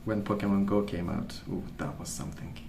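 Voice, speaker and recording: A young man creating ASMR content speaks softly and rambles in a lowish voice. He's gentle, unhurried, and seems to be thinking aloud, while the echoey room carries clear background noise.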